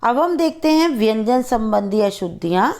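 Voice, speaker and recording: A woman's voice: on the high side, lively intonation, a little mellow. A woman teacher giving a grammar lesson to children, saying each word carefully and then repeating it. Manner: slow, deliberate, repeating each word twice.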